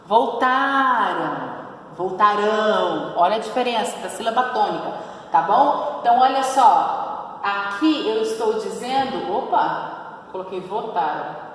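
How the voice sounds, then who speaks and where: A woman's voice: mid-range voice, animated, heavy reverb, long reverb tail, far from the mic, slight background noise. A Brazilian woman teaching a grammar lesson to pupils, patiently stretching out verb endings and checking in often to ask whether they follow. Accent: Brazilian Portuguese. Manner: patient, drawn-out stress on verb endings, frequent "tá bom?" check-ins. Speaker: Portuguese teacher.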